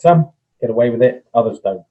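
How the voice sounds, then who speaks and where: A man's voice: medium pitch, animated, fast talker, mellow, muffled recording. A man giving a plain-spoken talk on landlord licensing rules, explaining with everyday comparisons and frequent ums.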